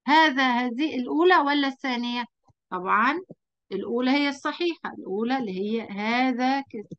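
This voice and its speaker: A woman with an Egyptian Arabic accent, teaching a lesson at a whiteboard, quizzing her pupil and drawing out example words slowly. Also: high-pitched, a bit bright, lo-fi sound.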